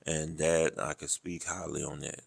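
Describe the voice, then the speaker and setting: A man in his thirties from the American South with a Southern drawl, talking slowly and evenly in a casual interview. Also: creaky, no echo. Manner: slow, deep, even delivery. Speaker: Army noncommissioned officer, guest.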